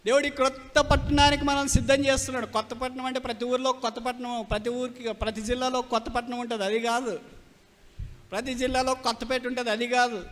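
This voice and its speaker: A man's voice: very high voice, flat delivery, fast, a bit bright. A male preacher from Rayalaseema giving an emphatic sermon, repeating key phrases and mixing in English terms. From Rayalaseema, India. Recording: long hall reverb.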